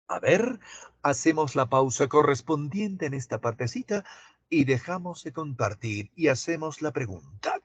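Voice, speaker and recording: A man teaching an online class, asking students drawn-out questions. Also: fairly high pitch, breathy edge, no echo.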